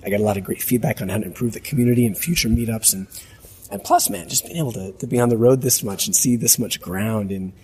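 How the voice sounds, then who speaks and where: A man with a hoarse smoker's rasp, talking as host in a casual, reflective, off-the-cuff audio diary and often repeating a phrase as he goes. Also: on the low side, lively intonation, quick pace, darkish tone. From United States. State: hoarse voice from a long trip. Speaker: podcast host.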